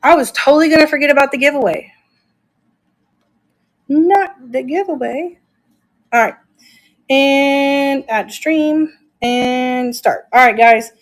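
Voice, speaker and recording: A woman's voice: high voice, slow pace, pauses often. A woman hosting a casual live-stream auction, chatting enthusiastically and thinking aloud as she shows each item.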